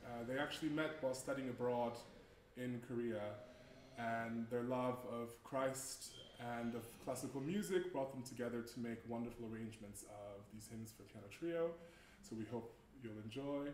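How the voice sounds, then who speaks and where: A young man from Canada talks through a concert program in a friendly, hesitant way, pausing on fillers. His voice sits in an ordinary middle range. The roomy echo of a church surrounds him, with a faint hiss underneath. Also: mid-range voice. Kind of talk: spoken concert introduction. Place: church hall.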